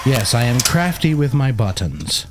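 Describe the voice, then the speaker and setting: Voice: mid-range voice, sing-song, measured pace. Teasing voice in a live craft chat. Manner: teasing, wisecracking co-host. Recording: faint background noise.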